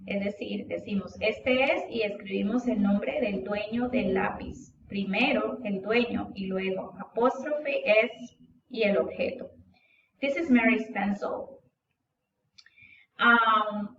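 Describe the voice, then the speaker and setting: A woman teaching an English lesson, reading words slowly and then giving their translations. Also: medium pitch, creaky, echoey room, far from the mic, lo-fi sound, background noise.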